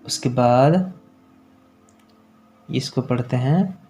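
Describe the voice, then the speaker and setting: Slow, mellow-voiced man teaching pronunciation. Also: medium pitch, soft background music. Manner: slow, drawn-out syllables, frequent check-ins with the viewer. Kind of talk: pronunciation lesson for children.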